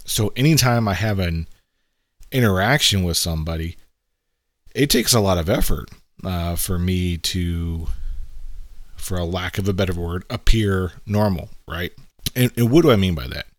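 A man's voice: low-pitched, normal speed, pauses often, no echo, studio quality. A middle-aged man talking casually in a monologue, giving leadership advice and often asking "right?". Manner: conversational, often asks "right?".

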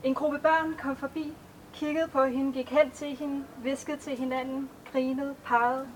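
A woman reading her own poems aloud at a live event, in a slow, measured recital. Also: high voice, flat delivery, slight background noise, rough recording. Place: outdoor festival stage.

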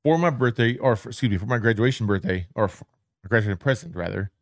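A man's voice: fairly low pitch, expressive, quick pace, no room sound, clean studio sound. A man in his late thirties co-hosting a podcast, chatting casually in a rambling, profane way that keeps correcting itself. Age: 30s. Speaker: podcast co-host. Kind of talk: casual chat.

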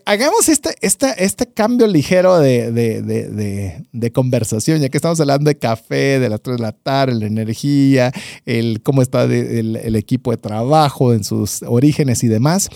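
A man hosts a podcast interview in a friendly, conversational way. He hesitates and repeats words as he asks his questions. His voice is mellow and sits at a middle pitch, recorded close and dry. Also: gravelly, no room sound. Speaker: podcast host.

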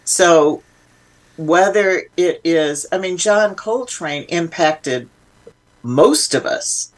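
Speaking fairly low and with animation, an older woman answers interview questions in a reflective, conversational manner. She is thoughtful and emphatic, and her speech halts and restarts.

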